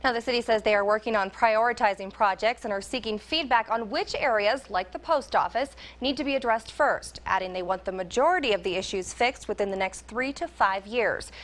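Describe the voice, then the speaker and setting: A woman news anchor and reporter, reading stories in a crisp, measured newscast delivery. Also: fairly high pitch.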